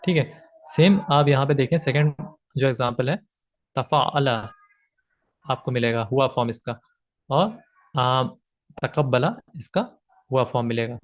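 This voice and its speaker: A man's voice: medium pitch, measured pace, pauses often. A man teaching grammar from slides, patiently repeating his points with frequent fillers. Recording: slightly dull lo-fi audio.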